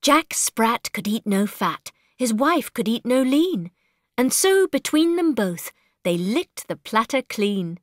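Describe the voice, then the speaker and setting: A woman recites nursery rhymes with an expressive, sing-song lilt. Her voice sits high and moves lively, at an unhurried pace, recorded close and dry. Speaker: rhyme reader.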